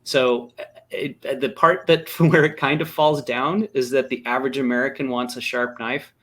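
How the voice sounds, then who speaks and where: A man's voice: mid-range voice, fairly even intonation, normal speed, fairly bright tone. A man co-hosting a podcast, giving casual, rambling opinions illustrated with personal anecdotes. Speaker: podcast co-host. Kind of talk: casual discussion.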